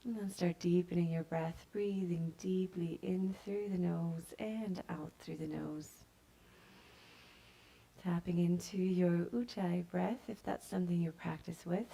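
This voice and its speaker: Slow, gravelly-toned woman yoga teacher. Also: on the low side. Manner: slow, soft-spoken calm cues. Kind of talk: guided yoga instruction.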